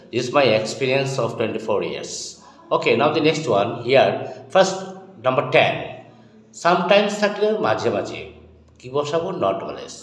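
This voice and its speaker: A man teaching English grammar in a lesson, asking and answering his own questions and repeating example words slowly. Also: medium pitch. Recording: echoey room with long reverb.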